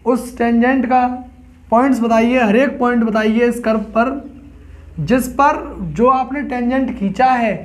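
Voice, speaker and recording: High-pitched math teacher explaining. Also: male voice, fairly even intonation, a little slow. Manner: explains step by step, asks students questions. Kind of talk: classroom math lesson.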